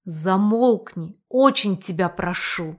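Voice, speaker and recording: A woman's voice: mid-range voice, animated, measured pace, a bit bright. A woman voicing an irritable young male mage who answers in short, exasperated lines, in an audiobook. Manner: curt and exasperated.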